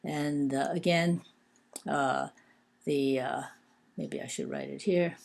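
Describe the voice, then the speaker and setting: A woman's voice: sits low, fairly even intonation, slow, gravelly, a little mellow. A woman teaching an informal language lesson, hesitant and full of fillers, counting and spelling things out aloud. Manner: hesitant, many fillers and restarts.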